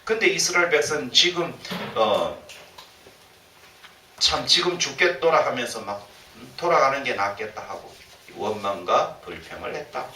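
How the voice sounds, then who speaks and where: Animated Korean pastor preaching in an echoey church. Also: male voice, mid-range voice, normal speed, slight background noise. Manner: animated, acts out quoted complaints. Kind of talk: sermon. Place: church sanctuary. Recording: roomy church sound from a distant mic, faint ambience.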